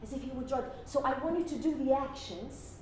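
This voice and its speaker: A woman's voice: high voice, fast talker, a little mellow. A woman working as a drama coach, giving instruction and modelling classical monologue lines to be repeated. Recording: echoey room, distant mic, faint noise.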